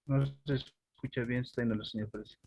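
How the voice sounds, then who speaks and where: A man in an online class, talking slowly over a video call whose audio keeps cutting in and out. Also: mid-range voice, fairly even intonation, gravelly, a little mellow. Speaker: student in an online language class. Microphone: computer or phone on a video call. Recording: dry, dull lo-fi call line.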